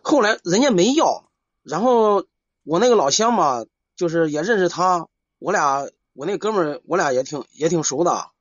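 A man calling in for advice, chatting casually in a hesitant, halting way and repeating himself. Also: sits high, animated, dry recording. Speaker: caller seeking advice. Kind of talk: casual chat. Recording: dull lo-fi live call.

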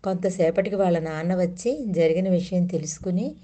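A woman narrating children's stories in a slow, clear storybook manner. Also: lowish voice, dark tone.

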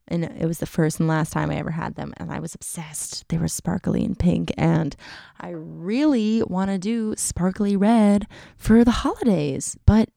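Giggly young woman with a gravelly voice. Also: on the low side, fairly even intonation, normal speed, dark tone, no echo, clean studio sound. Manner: chatty, giggly, full of filler "like". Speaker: YouTuber. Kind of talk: casual chat.

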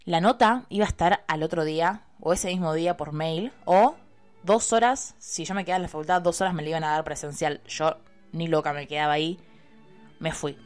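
A young woman with an Argentine Spanish accent, a university student telling a personal story in a casual, expressive, chatty way and swearing freely. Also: deep voice, a little fast, faint music behind. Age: young adult.

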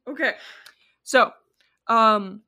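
A woman's voice: fairly high pitch, drawn-out words. A woman co-hosting a podcast, talking casually about a movie, rambling and correcting herself as she goes. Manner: rambling, self-correcting, animated asides. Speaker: podcast co-host. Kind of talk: casual chat.

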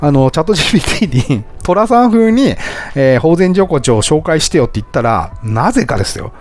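Lively chatty male podcast host. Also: a little high, fairly quick, soft background music. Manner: chatty, laughs often at his own stories. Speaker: podcast host and travel Instagrammer. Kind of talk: casual podcast chat.

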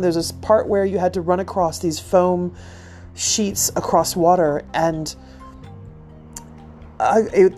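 A woman's voice: mid-range voice, dark tone. A woman hosting a podcast, telling a personal story in a rambling, self-deprecating, chatty way. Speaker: podcast host.

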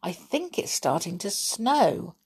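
A calm, reassuring young girl from a storybook, as a woman reading aloud puts her on. The voice is slow and carries a husky texture. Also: mid-range voice, full character voice. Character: calm upbeat young girl, loyal friend.

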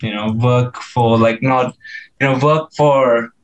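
A man's voice: medium pitch, takes it slowly, dull audio. Young man from India, podcast guest, easygoing, laughs a lot, mid-range voice. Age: 20s. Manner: relaxed, laughs often, fillers like "like" and "man". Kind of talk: casual chat.

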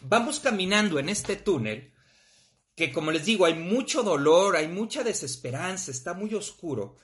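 A podcast host with a Mexican accent talks about grief in a casual, blunt way, swearing often. His voice sits high, his pace is moderate, and his manner is animated and profane.

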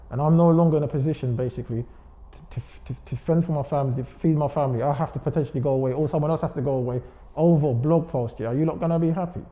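A man's voice: a little high, mellow. A man with a London roadman accent talking casually in street slang in an interview, emphatic and defensive, often checking he is understood. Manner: defensive, emphatic, repeats check phrases like "do you know what I'm saying". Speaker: blogger interview guest. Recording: roomy echo.

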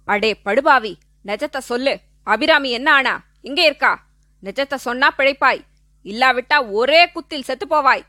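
A woman voicing a vengeful young male outlaw who shouts threats through clenched teeth. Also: high-pitched, animated, a little slow, no room sound, clean studio sound, heavily acted. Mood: menacing.

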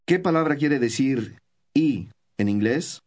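A man giving scripted instructions in a language course, with calm, measured prompts for the listener to repeat. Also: mid-range voice.

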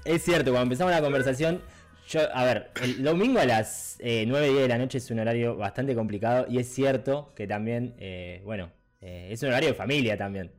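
A man co-hosts a podcast in a friendly, hesitant way, full of fillers. His pitch sits in the middle range. Faint music runs behind him. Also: fairly quick. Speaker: podcast co-host. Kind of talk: casual podcast chat.

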